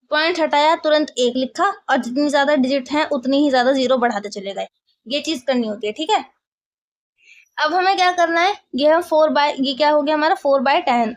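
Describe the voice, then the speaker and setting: A woman teaching a maths lesson, explaining step by step and often asking if the class follows. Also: high-pitched.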